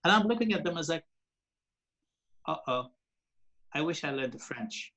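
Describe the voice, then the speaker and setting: Speaking at a moderate pace in an expressive, sharp voice on the high side, a radio presenter and TV host in his forties appears as an interview guest. Raised in Lebanon, a native Arabic speaker, he rambles through casual stories with fillers and restarts.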